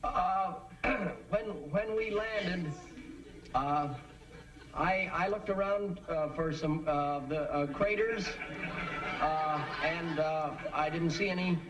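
Earnest young American man, sheepish stammer, highish voice, old TV comedy, distant recording. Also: a bit bright. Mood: awkward. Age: young adult. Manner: halting, stammering, full of hesitations. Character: sheepish, earnest young male amateur rocketeer. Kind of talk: 1950s sitcom acting. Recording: distant-miked vintage TV soundtrack.

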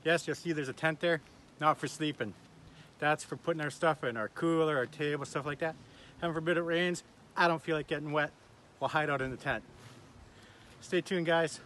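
A man's voice: on the high side, moderate pace, long pauses, a bit bright, slight background noise. Chatty man vlogging at a forest campsite. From Canada. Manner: upbeat, chatty, bursts of enthusiasm. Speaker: camping vlogger. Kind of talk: casual vlog chat to camera. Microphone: phone camera held close.

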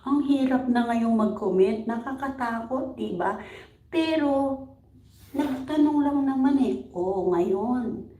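A woman's voice: on the high side, slow, dark tone. A middle-aged woman from the Philippines, working abroad as a caregiver, chatting casually on her vlog. She laughs often and keeps asking her viewers "right?". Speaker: vlogger; overseas caregiver. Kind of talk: casual livestream chat reading comments. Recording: roomy echo.

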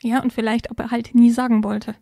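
A woman co-hosting a podcast, calmly explaining step-by-step advice in a casual conversation. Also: a little high, fairly quick, gravelly, dry recording, clean studio sound. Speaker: podcast co-host explaining parenting topics.

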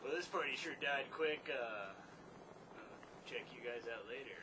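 A man's voice: mid-range voice, measured pace. A man cracking sarcastic jokes over an old movie in a basement. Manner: wisecracking, sarcastic. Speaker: movie riffing host. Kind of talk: joking commentary over a film. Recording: home recording with film noise behind.

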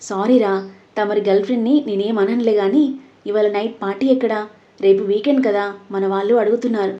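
A woman's voice: mid-range voice, steady tone, brisk, natural voice. A woman voicing a young man, a best friend who teases and complains. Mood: teasing. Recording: dull lo-fi audio.

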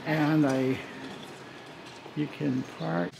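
Low, creaky-voiced woman. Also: steady tone, very slow, noisy background. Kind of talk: casual chat.

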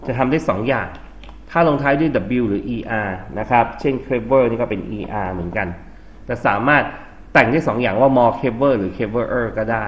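A man's voice: mid-range voice, normal speed, muffled recording. A man with a Thai accent teaching an English grammar lesson for exam prep, explaining steadily and spelling words out letter by letter. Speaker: English tutor.

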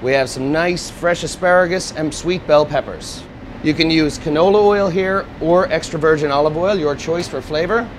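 This cooking demonstration features a man, an executive chef, whose voice is on the high side and at normal speed, heard on a lapel mic with slight background noise. At a gas range in a restaurant kitchen, he explains a dish step by step in a steady, instructive way.

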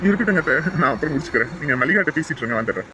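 A man's voice: a little high, expressive, racing, close to an everyday voice. An actor playing a polite young son-in-law who reassures his wife and her mother. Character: calm, reassuring young husband. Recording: noisy background.

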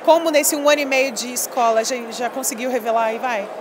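A woman in her thirties, formerly a volleyball player, talks fairly quickly in a fairly high voice, full of emphasis and little fillers. The casual interview happens in a busy expo hall with background noise, and the interviewer holds the handheld mic.

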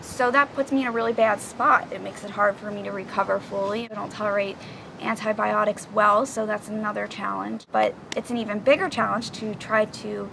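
A woman's voice: mid-range voice, steady tone, fairly quick, creaky, background noise. A woman in her twenties, talking frankly and with exasperation to the camera in a personal vlog, recorded outdoors on a camera mic. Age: 20s. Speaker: vlogger. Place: outdoors on a yoga mat.

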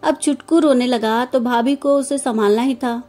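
A woman voicing a gentle, caring young married daughter who speaks softly and coaxingly in a storybook. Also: sits high, moderate pace. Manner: soft, coaxing.

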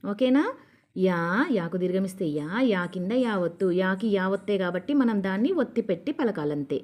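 Patient woman spelling syllables slowly. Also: mid-range voice, animated, dark tone. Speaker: teacher. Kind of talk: reading lesson for children.

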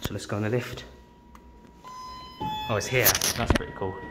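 Inside the lifts and lobby of a public building, a young hobbyist lift vlogger keeps up casual commentary on his handheld phone. He speaks at a moderate pace in a fairly low voice with fairly even intonation, amid loud noise and clicks.

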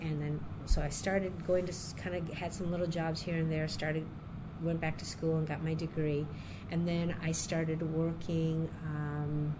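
A middle-aged woman from Puerto Rico, raised near Chicago, answers questions in an oral history interview as a university diversity director. She speaks unhurriedly and a little slowly in a low-pitched voice, with hardly any pauses but many ums and restarts, over steady background noise.

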